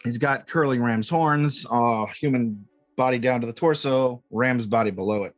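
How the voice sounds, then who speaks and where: A man improvising narration as game master, halting and jokey as he describes the scene. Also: medium pitch, faint music behind. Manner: halting, jokey, often chuckling.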